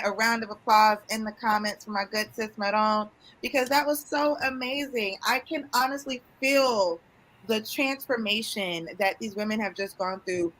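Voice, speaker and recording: A woman's voice: mid-range voice, fairly bright tone, low-quality recording. A woman hosts a live stream in a chatty, effusive way. She is openly emotional and talks straight to her viewers. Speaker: host.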